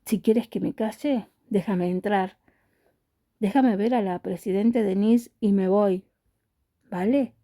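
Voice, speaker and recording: A woman reading aloud and voicing a furious young woman who shouts and demands to be let in. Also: medium pitch, takes it slowly, no echo, clean studio sound.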